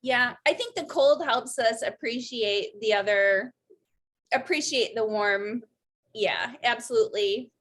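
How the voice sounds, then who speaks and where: A woman's voice: on the high side, measured pace, a bit bright. A young adult woman hosting a podcast interview, bubbly and gushing with enthusiasm. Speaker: podcast host. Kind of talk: casual interview chat.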